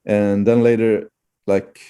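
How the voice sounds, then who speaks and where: A man's voice: on the low side, little pitch movement, takes it slowly, dark tone, clear, resonant tone. A man with a Swedish accent chatting casually as an interview guest, hesitant and often searching for words. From Sweden.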